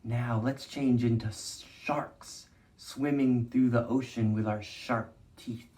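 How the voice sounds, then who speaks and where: With a mid-range, slightly mellow voice, fairly even intonation, and a slow pace, a man who works as an educator runs an interactive children's storytime. He offers simple guiding phrases, questions, and movement prompts as they read along.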